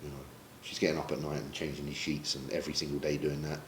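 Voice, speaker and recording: A man's voice: a bass voice, level tone, fast talker, background noise. A man from Britain, a pro bodybuilder, talking candidly and emotionally in a sit-down interview, swearing casually as he reflects. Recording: roomy echo, faint ambience.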